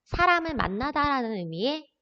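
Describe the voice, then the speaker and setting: Pushed and bright, this woman's high-pitched voice swings widely in pitch as she teaches a beginner language lesson at normal speed. She goes through the words patiently, step by step, captured on dull lo-fi audio with long reverb.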